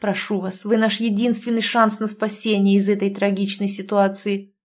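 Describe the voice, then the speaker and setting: A woman's voice: medium pitch, little pitch movement, moderate pace, lightly acted. A woman reading the part of a brooding young male officer who pleads urgently.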